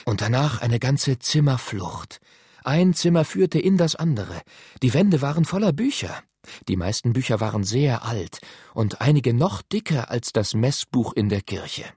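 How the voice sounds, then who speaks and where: Expressive, husky male storyteller. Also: mid-range voice, unhurried, no room sound, studio quality. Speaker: audiobook narrator. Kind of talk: scripted narration.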